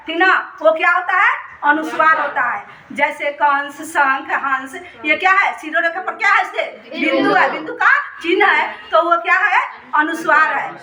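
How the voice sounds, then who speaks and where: A woman teaches children a grammar lesson, asking questions and then answering them herself while repeating the key terms. Her voice sits high, and the echoey room adds a hollow ring. She sounds set back from the microphone. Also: sharp tone, recorded from a distance.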